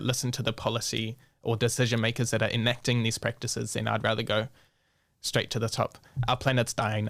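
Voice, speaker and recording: A young man with a New Zealand accent talks frankly in a relaxed interview, swearing freely and dropping in Māori words. His voice sits at an ordinary middle pitch. The recording is close and dry, with no room sound. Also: creaky, no room sound. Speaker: guest. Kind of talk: casual podcast interview.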